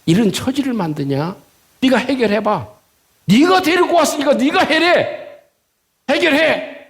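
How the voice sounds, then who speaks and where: A man's voice: very high voice, lively intonation, unhurried, gravelly, voice pushed up, exaggerated voice. A man, a pastor in a sermon, voicing an angry grumbling Israelite man who hurls rude accusations at his leader. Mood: furious. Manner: shouting insults and demands.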